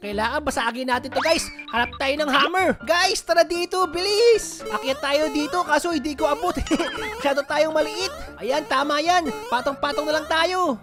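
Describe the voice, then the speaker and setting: A woman hosting her gaming channel, giving excitable let's-play commentary and giggling often. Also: high-pitched. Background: background music.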